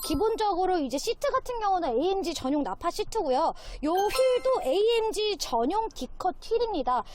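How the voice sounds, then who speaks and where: A woman car dealer giving a polished, gushing sales pitch in a walkaround presentation. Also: a little hiss or hum.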